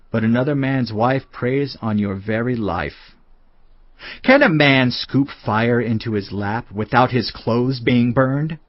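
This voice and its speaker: A man with a medium-pitched voice narrates scripture in a dramatised Bible reading, taking the role of a solemn, admonishing fatherly teacher. There's no echo, though the audio is slightly muffled, with background music underneath.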